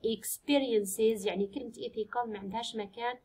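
A woman with an Algerian Arabic accent, an English teacher explaining an exam step by step and reading English sentences slowly and clearly. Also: on the high side, steady tone, a little mellow. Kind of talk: exam-prep lesson, mixing Arabic and English.

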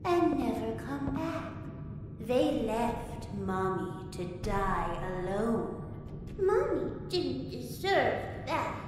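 A woman voicing a menacing, grieving motherly monster in a video game, with theatrical, bitter, drawn-out delivery. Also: fairly high pitch, big pitch swings. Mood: mournful, bitter. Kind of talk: video game villain acting. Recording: long reverb, loud game music.

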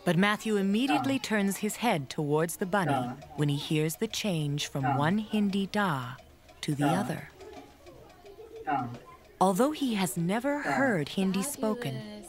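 A woman narrates a documentary from a script in a fairly low voice. Her delivery is measured and explanatory, with very lively intonation. Voices can be heard clearly in the background.

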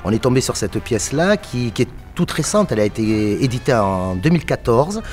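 A theatre company's artistic director, a man in his forties, speaks enthusiastically and emphatically in an interview while seated in an empty theatre auditorium. His medium-pitched, slightly mellow voice swings widely in pitch at a fairly quick pace, with soft background music.

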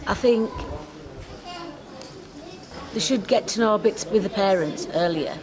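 A woman's voice: medium pitch, slow pace, crowd noise. A middle-aged woman answering hesitantly in a street interview, often repeating herself. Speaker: passer-by interviewee. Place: outdoor town street.

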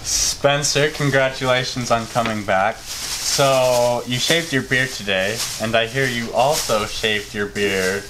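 Slow-talking young man hosting a game show. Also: medium pitch. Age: young adult. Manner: game show host patter, halting delivery. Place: furnished home games room, indoors. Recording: clearly noisy room recording.

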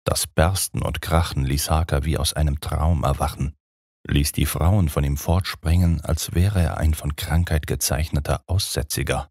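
Male audiobook narrator, extremely deep voice, dry close sound, dramatic measured reading. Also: fairly even intonation, a little mellow, no echo.

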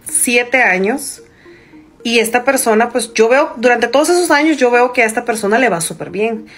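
A woman telling a first-person story in a conversational way, with fillers and small restarts. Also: a little high. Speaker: narrator of a viewer's story.

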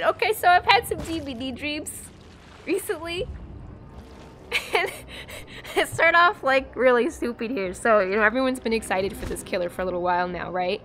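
A woman's voice: sits high, fairly bright tone, slight background noise. A young woman from the East Coast of the United States with an American accent, chatting and giggling casually with her viewers during a game livestream. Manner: chatty and giggly, many fillers. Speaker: streamer. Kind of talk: casual livestream chat while gaming.

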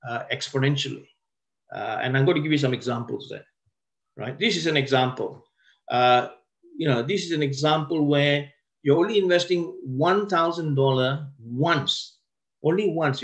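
Lecturing at a wealth seminar, this man has a slightly high voice. He draws out important words by slowing down, and his sentences often break off and begin again.

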